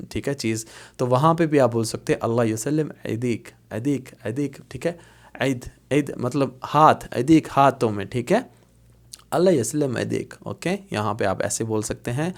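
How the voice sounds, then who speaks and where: A man teaching a casual spoken lesson, saying phrases slowly and repeating them, often checking in with his listeners. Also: mid-range voice. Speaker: language teacher.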